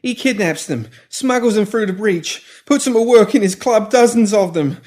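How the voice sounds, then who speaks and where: A male narrator voices a seedy pimp pleading in a high, strained register pushed well above normal speech, like a cornered crook in an audiobook thriller. He babbles loudly and breathlessly, desperate and in pain, at a moderate pace in a natural voice.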